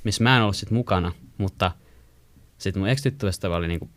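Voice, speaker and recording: A young man with a lowish voice tells a story in a casual chat, rambling through fillers and hesitations. He gets animated when quoting people. The sound is close and dry, with no room echo.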